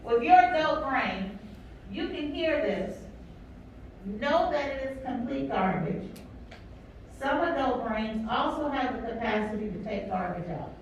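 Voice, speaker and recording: A woman's voice: a little high, expressive, measured pace, lo-fi sound, a little hiss or hum. A woman counselor gives an emphatic workshop talk to an audience, asking the room questions and repeating key words. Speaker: counselor leading a teacher training. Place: large echoey room with an audience. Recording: echoey hall from far off.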